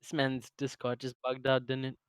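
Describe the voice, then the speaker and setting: A man's voice: medium pitch, monotone, normal speed. A man who streams, chatting casually with slang and swearing. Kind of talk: casual chat.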